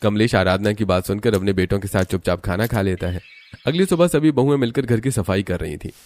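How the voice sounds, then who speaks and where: A man narrating a cartoon story in an even, matter-of-fact way. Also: on the low side, fairly quick.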